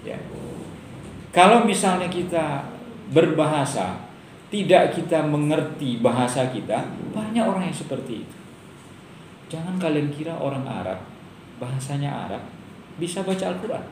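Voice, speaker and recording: A man's voice: on the high side, big pitch swings, moderate pace, long pauses. Middle-aged male lecturer, casual and joking, tosses rhetorical questions to the class; roomy room, faint noise. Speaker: university lecturer.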